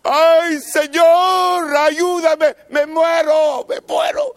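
A man voicing a desperate believer who shouts and pleads to God for help, in strained high cries. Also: drawn-out words, full character voice. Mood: desperate pleading.

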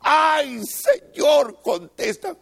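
A man voicing a desperate believer who shouts and pleads to God for help, in strained high cries. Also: very animated, extremely slow, gravelly, heavily acted. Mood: desperate pleading.

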